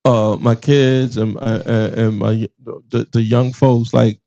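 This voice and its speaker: A loud, cussing man in his forties with a Southern US accent, swapping old-neighborhood stories on a podcast. His tone is mellow and warm. The recording is a little dull and lo-fi. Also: mid-range voice, little pitch movement, slow, creaky. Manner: loud, profane, laughing storyteller. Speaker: podcast host. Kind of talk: casual chat. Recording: dull lo-fi sound.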